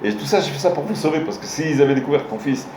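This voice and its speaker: This rabbi's voice sits on the high side, and he speaks fast with lively intonation. During his informal Torah class he tells stories to his listeners, frequently restarting and hesitating. Background noise and faint ambience fill the roomy space.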